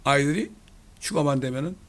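A Korean pastor with a Chungcheong accent, preaching a sermon full of rhetorical questions and emphatic outbursts. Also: male voice, on the high side, lively intonation, fairly quick, a bit bright, slight background noise.

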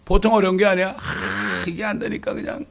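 Male pastor, sermon, fairly high voice, animated with rhetorical questions. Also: brisk, vocal fry.

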